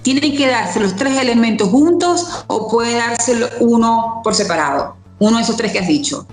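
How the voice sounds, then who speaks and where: A woman's voice: a little high, animated, normal speed, soft background music. A woman interviewer who asks and then rephrases her questions. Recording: roomy, distant from the mic.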